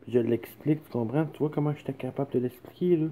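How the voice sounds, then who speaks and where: A man's voice: mid-range voice, fast talker, warm tone, a little hiss or hum. A man with a Quebec French accent making a rambling, insistent personal plea, repeatedly checking that he is understood. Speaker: son speaking to his mother.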